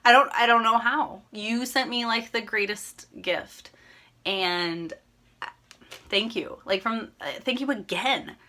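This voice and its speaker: A young woman from Minnesota talks straight to her viewers with a bright, forward tone. She rambles, backtracks and gushes, a cross-stitch host chatting casually while her voice sounds a little worn. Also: fairly high pitch, slow pace. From Minnesota, USA. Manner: rambling, chatty, self-correcting; upbeat and gushing. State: slightly losing her voice.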